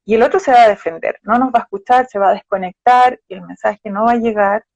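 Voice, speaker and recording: A woman's voice: on the high side, fast talker, darkish tone, no room sound. A woman psychologist, patiently explaining with examples in a live conversation. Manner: patient, explanatory, gives examples with quoted phrases. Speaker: psychologist guest. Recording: dull, dry live-stream audio.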